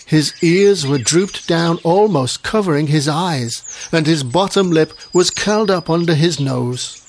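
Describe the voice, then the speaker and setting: A storyteller reading a children's story in a gentle, expressive way. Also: medium pitch, unhurried, slight background noise.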